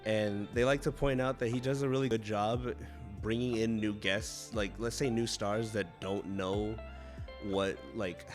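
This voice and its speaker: A young man with a lowish voice talks easily, laughing often and dropping casual swears. He speaks from home, with soft music faint in the background. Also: fairly even intonation, a little slow. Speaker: guest. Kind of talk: casual chat on a livestream.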